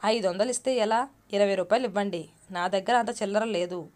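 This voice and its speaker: Patient bus conductor lady, courteous, gentle, voiced by the storyteller herself. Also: medium pitch, fairly quick, close to an everyday voice. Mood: polite, patient.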